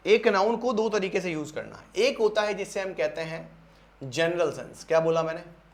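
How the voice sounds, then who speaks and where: High-voiced Indian man teaching English. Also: moderate pace. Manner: repeats points and asks the class rhetorical questions. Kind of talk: exam-prep English lesson.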